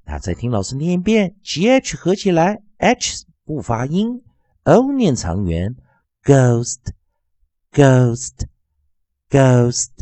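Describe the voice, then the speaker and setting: Slow, sing-song male phonics teacher. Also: no room sound. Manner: slow, drawn-out repetition of sounds and words; very lively, sing-song pitch. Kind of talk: classroom-style phonics lesson.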